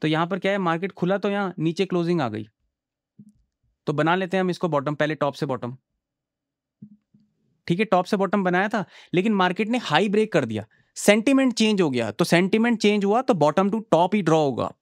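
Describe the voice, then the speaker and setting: A man's voice: sits high, expressive, fairly quick, dry recording. A man teaching chart in a casual, chatty way, often checking that the viewer follows and telling them not to worry. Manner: chatty, reassuring, asks the viewer "samjhe?". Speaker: trading teacher. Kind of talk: casual screen-share chart tutorial.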